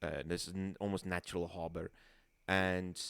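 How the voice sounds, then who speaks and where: A man guiding a casual streamed tabletop game, rambling and halting with many restarts. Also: deep voice, little pitch movement, vocal fry, a bit bright, clean tone, no room sound, studio quality. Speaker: game facilitator.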